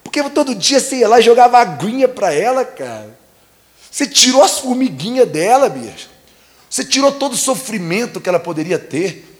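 A man voicing a calm, wise grown neighbor who patiently explains. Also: fairly high pitch, in a large hall, natural voice.

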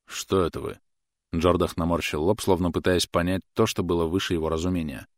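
A man narrating an audiobook with steady, even storytelling. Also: low-pitched, quick pace, no room sound, clean studio sound. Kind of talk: audiobook reading.

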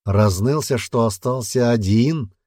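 A man's voice: mid-range voice, normal speed, mellow, no room sound, pitched above the performer's own voice, close to an everyday voice. A man voicing a sneering boy bully who mocks and taunts in a raised voice. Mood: mocking. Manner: mocking, taunting.

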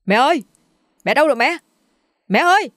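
A woman's voice: lowish voice, normal speed, darkish tone, dry recording, lightly acted. Woman reader doing a frightened young son in a spoken horror storybook, crying and begging. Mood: calling out. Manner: pleading, tearful cries.

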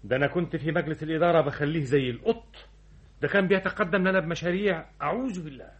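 A man's voice: a little high, rapid-fire, highs cut off, close to an everyday voice. A man playing a boastful, imperious new company director with an Egyptian accent, brusque and self-important, in an old radio comedy-drama. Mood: smug, boastful.

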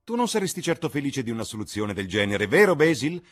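A man voicing a worldly aristocratic gentleman who speaks in an ironic, amused way. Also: medium pitch, sing-song, quick pace, voice pushed up. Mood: mocking.

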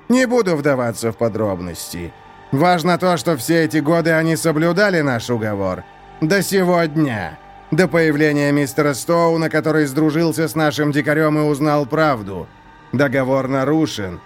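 Man playing a gloating prison-warden villain, mock-polite, high-pitched, animated, storybook reading. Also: lightly acted. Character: scheming, mocking male prison warden villain.

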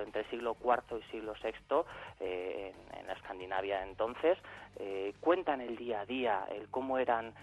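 A man's voice: on the low side, poor audio. A man from Spain, a regular contributor, explaining role-playing games on a radio show in a hesitant way, full of fillers and restarts. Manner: hesitant, many fillers and repeated words. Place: Salamanca, away from the studio.

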